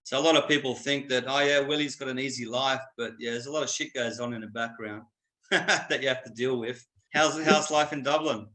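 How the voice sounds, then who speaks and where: A man's voice: mid-range voice, steady tone, fairly quick, bright, forceful tone. A man with an Australian accent talking bluntly and casually as a guest on a video-call interview, with plenty of "mate" and "you know".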